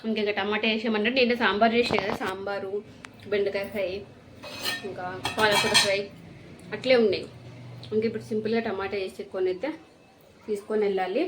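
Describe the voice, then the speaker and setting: A woman's voice: mid-range voice, fairly even intonation, noisy background. A woman, a mother chatting to a phone camera in her home kitchen. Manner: brisk, chatty, talks to the camera while cooking. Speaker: vlogger and mother. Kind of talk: casual daily vlog chat.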